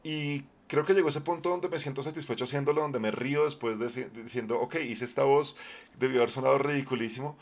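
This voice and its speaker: A man with a low, deep voice, talking casually on his live stream as a game master, conversational with many fillers and restarts. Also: brisk. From Colombia.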